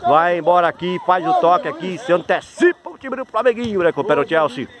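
Fast-talking Brazilian man calling a match. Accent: Brazilian Portuguese. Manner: rapid excited play-by-play, repeats team names. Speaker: match commentator. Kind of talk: live football commentary. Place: outdoor youth football pitch. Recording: noisy crowd at outdoor pitch. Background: crowd and players shouting.

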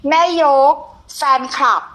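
A woman's voice: slow, pushed and bright. A woman hosting a conversational television interview, speaking affectionately to her guest like an older sister. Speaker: TV show host.

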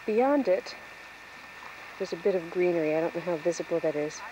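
A woman talks quickly while she films outdoors, narrating what the camera sees. Her voice comes through the camcorder's own mic on an old VHS tape, with plenty of hiss and outdoor noise. The tone is casual, as in a family home video. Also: lowish voice, lively intonation. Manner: describes the scene as she films. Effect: old VHS camcorder tape sound. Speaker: person filming a home video. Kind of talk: casual commentary while filming. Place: outdoors by the water.

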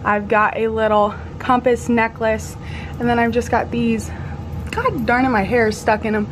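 This young woman's voice is a little high, with a steady tone and moderate pace, as she chats in a bubbly sorority-girl style for her vlog, saying "like" constantly. She's a college sorority member filming in a small dorm room on a handheld camera held at arm's length, and the camera mic clearly picks up room noise.

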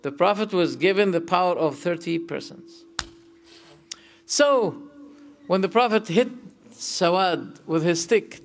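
A man leads a religious lesson, explaining verses in a voice pitched a little high. He is animated and emphatic, lifting his voice on the points that matter. He tells stories with open feeling. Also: a little slow, pauses often, slight background noise. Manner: tells stories, sometimes emotional. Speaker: sheikh teaching Islamic creed.

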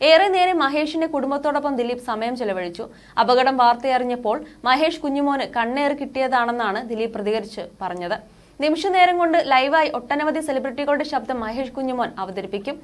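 High-voiced woman reading entertainment news. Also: a little fast. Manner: steady formal read-out delivery. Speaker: news reader. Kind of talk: scripted news narration.

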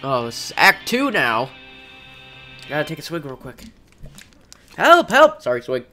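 A man's voice: medium pitch, lively intonation, moderate pace, bright, forceful tone, faint music behind. A man making casual joking asides while playing and reading a game. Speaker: let's play host. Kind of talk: casual gameplay commentary.

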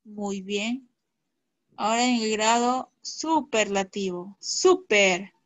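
A woman's voice: medium pitch, slow pace, dry recording. A woman teaching an online class to schoolchildren, patient and encouraging, checking often that they follow.

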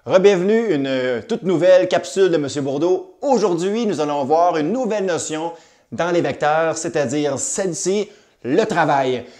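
A man's voice: on the high side, animated, moderate pace, a little mellow. A man with a Québécois accent teaching a recorded math lesson, upbeat and cracking jokey asides.

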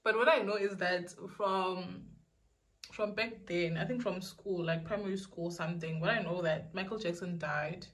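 A woman's voice: fairly low pitch, fairly even intonation, moderate pace, fairly bright tone. A young woman with a South African accent, rambling and repeating herself as she casually answers questions. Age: young adult. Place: small indoor room.

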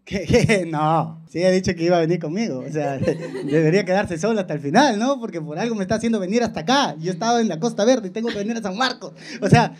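A man's voice: high-pitched, fast talker. Joking Peruvian man telling a story. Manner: animated storyteller, coarse and joking. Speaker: host. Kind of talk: casual comedic storytelling.

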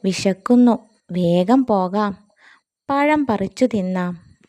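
A big greedy elephant from a children's storybook, voiced by a woman reading aloud. He savors every bite with drawn-out exclamations. His voice is mellow and unhurried. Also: medium pitch, expressive. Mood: relishing. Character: big greedy male elephant, relishing food.

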